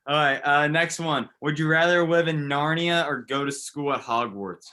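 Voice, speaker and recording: A young man hosting a relaxed, joking interview and asking light would-you-rather questions. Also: on the high side, moderate pace. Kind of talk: casual interview chat.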